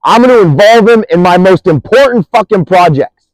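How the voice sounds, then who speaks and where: A man's voice: sits high, expressive, moderate pace, dry recording, poor audio. A man delivering an angry, profane monologue, accusing and rambling, restarting sentences as he goes.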